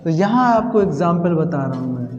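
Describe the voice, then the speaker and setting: A man's voice: a little high, animated, a little fast, soft background music. A man teaching English grammar in Hindi, repeating each point and asking his students questions. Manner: repetitive, quizzing himself with questions. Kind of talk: Hindi classroom lesson at a whiteboard. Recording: echoey room, dull lo-fi sound.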